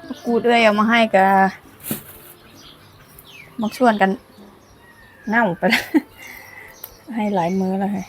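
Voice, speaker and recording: A woman from Laos takes it slowly, with long pauses, in a steady mid-range voice and a Lao accent. She chats casually and laughs often through her outdoor cooking vlog in the sun, filmed by her niece on a camera.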